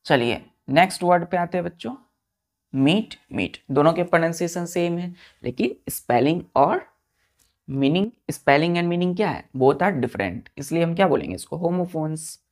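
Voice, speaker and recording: A woman's voice: on the low side, lively intonation, moderate pace, a little mellow. A woman teaching English vocabulary in an exam-prep lesson, spelling words letter by letter, repeating each meaning patiently and quizzing her pupils.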